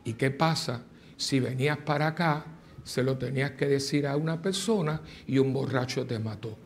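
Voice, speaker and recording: A man's voice: medium pitch, normal speed, creaky, a little hiss or hum. An older man, a parish priest, preaching a sermon, telling stories and then exhorting the congregation. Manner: animated, rising to forceful exhortation. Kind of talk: sermon with storytelling. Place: church.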